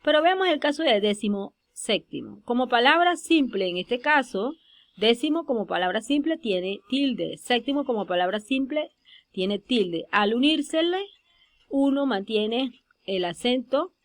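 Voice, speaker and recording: A woman giving a spoken grammar lesson over slides, slowing down to stress example words. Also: on the high side, expressive. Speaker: teacher.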